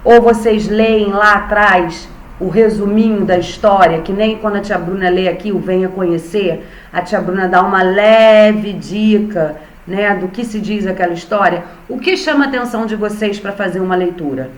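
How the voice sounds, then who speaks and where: A woman's voice: medium pitch, normal speed, echoey room, low-quality recording. A young Brazilian woman teaching an online class to small children, patiently spelling out syllables. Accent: Brazilian Portuguese. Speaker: primary school teacher.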